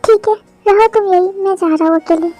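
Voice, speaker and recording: A woman's voice: very high-pitched, fairly quick, mellow, faint music behind. A young woman voicing a possessive, bossy young husband in a spoken fan story. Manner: bossy, stern.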